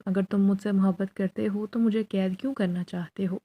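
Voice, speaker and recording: A woman's voice: mid-range voice, steady tone, warm tone, natural voice. A woman voicing a frightened young woman facing a jinn in a spoken horror story. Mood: fearful.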